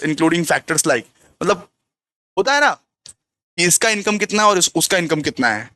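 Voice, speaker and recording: A man's voice: high voice, sharp tone, no echo. A man teaching a commerce revision lecture. He repeats points and keeps asking the class questions that he then answers himself. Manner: repetitive, asks the class rhetorical questions and answers them himself. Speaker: commerce tutor.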